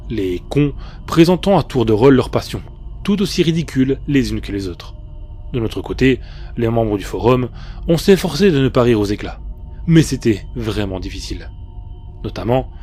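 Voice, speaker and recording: A man narrates a scripted horror tale in the first person. His voice is dark and mellow, set at an ordinary male pitch. Faint music plays underneath. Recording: faint music bed behind the voice. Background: soft background music.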